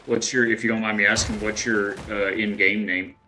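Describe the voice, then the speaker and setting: A middle-aged game streamer from West Texas chats casually while playing and reading his chat, rambling and thinking aloud with plenty of fillers and restarts. His fairly low voice is level, sharp in tone, at normal speed, with faint music behind.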